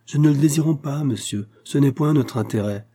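A man's voice: medium pitch, a little fast, warm tone, husky, voice pushed up, lightly acted. A man voicing a gossiping old peasant woman with rural dialect, rambling and fussing in an audiobook reading. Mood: fretful gossip. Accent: rural French peasant dialect. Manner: rambling, fussing, rustic grammar.

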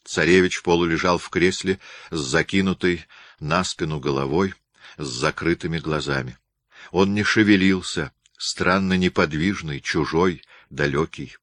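Low-voiced male audiobook narrator. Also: unhurried, a bit bright, no echo. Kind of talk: scripted narration of a historical novel.

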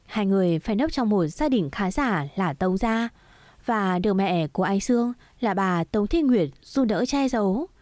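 A tender middle-aged mother, voiced by a woman reader, patient and sorrowful in a spoken romance story. She talks softly and coaxingly at an ordinary pitch. The recording is dry and close. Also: animated, normal speed, no echo, close to an everyday voice. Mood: recounting.

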